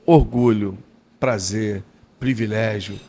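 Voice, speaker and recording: A man, a former footballer talking as a guest in a restaurant, heartfelt with halting restarts. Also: lowish voice, fairly even intonation, warm tone, a little hiss or hum. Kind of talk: emotional storytelling interview.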